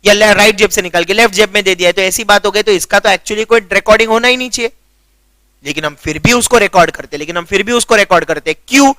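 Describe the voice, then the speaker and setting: A young commerce tutor from Gujarat, India, lectures chattily in Gujarati-accented Hindi, mixing in English terms and repeatedly checking that students follow. His high-pitched voice is pushed and bright, he talks fast, and the recording is dry.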